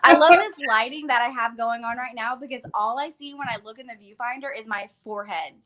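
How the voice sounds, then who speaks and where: A woman in her thirties speaks in a fairly high voice with an Arkansas Southern twang. She is chatty and enthusiastic, talking casually as a co-host on a live stream. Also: a little fast, bright, forceful tone. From Arkansas, United States. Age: 30s. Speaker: online book channel co-host.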